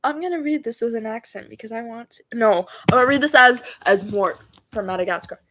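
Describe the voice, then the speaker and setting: Rambling, high-voiced woman streamer. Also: fairly quick, noisy background. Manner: rambling, stumbling over words, giggly. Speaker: livestreamer. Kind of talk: casual livestream chat while doing homework.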